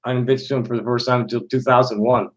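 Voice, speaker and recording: Middle-aged Chicago man, live-stream host, rambling and halting delivery. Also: mid-range voice, little pitch movement, poor audio. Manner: halting, many restarts and fillers. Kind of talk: rambling casual monologue to chat.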